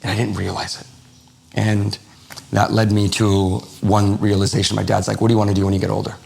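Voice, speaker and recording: A man from the United States speaks as a podcast guest, with a low, gravelly voice full of vocal fry. He tells personal stories in a relaxed, conversational way and slips into the voices of people in his anecdotes. The delivery is animated and unscripted. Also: a little fast. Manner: animated, acts out quoted dialogue. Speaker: podcast guest, lifestyle coach. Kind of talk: casual interview storytelling.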